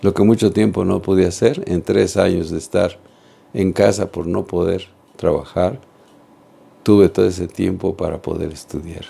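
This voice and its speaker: A man's voice: low voice, steady tone, moderate pace, gravelly, dark tone, husky. A man giving an earnest religious teaching talk, speaking straight to viewers and asking them questions. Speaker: catechist.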